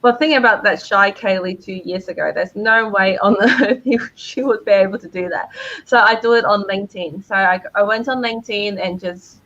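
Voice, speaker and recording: On a live stream with dull, lo-fi audio, a woman answers audience questions as a guest speaker. Her mid-range voice is fairly bright and moves at a moderate pace. She sounds cheerful, laughing often and using lots of fillers.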